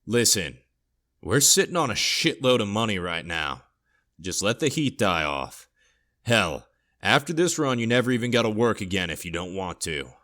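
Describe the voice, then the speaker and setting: A man voicing a gruff male outlaw who talks low and quick to calm his crew.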